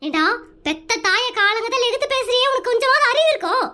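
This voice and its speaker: A performer voicing a frazzled young mother in a cartoon comedy, nagging and yelling threats at her sleepy son. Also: extremely high pitch, lively intonation, quick pace, full character voice. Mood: scolding. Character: scolding frazzled young mother, shrill temper. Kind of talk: Tamil cartoon comedy dub.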